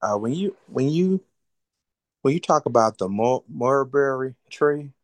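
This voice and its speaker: A man asking the pastor a curious, halting question at a church Bible study. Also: medium pitch, expressive, dry recording.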